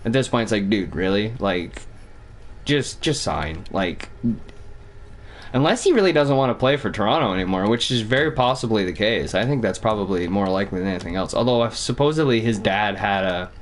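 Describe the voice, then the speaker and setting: A young man from Vermont streaming a hockey game, chatting casually and thinking out loud with some cursing. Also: on the low side, animated, a little fast, a little hiss or hum. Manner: rambling, cussing, thinks out loud. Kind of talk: casual gaming commentary.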